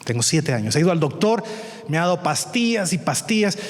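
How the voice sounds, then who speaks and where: A man's voice: a little high, very animated, brisk, long reverb tail. A man voicing an anxious middle-aged wife who frets and pleads in a raised voice. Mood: tearful pleading. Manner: pleading, fretful.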